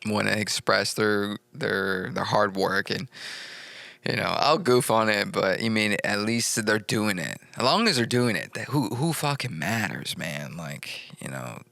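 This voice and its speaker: A gravelly, fairly low-pitched man hosts a podcast in easygoing chat. His tone is bright and forceful, and the sound is dry and close. He talks in a loose, goofy way, swears freely and laughs often. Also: lively intonation, measured pace, dry recording. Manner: loose, goofy and profane, with frequent laughs and fillers. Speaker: podcast host. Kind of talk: casual chat.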